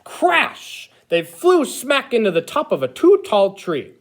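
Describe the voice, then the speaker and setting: An eager, childlike Christmas elf played by a man reads a storybook aloud to children. The delivery is exaggerated and expressive, with pitch that swings widely from phrase to phrase. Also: takes it slowly, full character voice. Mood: eager storytelling. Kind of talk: animated picture-book read-aloud.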